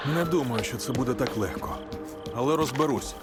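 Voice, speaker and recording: An actor playing a terse, hardened male stalker in a video game, speaking curtly and gruffly. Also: mid-range voice, animated, fairly quick, close to an everyday voice. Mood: grim. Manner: curt, gruff. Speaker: game protagonist. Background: game music.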